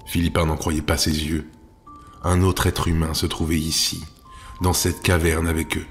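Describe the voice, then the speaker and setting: A man with a very low voice reads a fantasy story in a measured, steady storytelling manner. Faint music runs quietly under the narration.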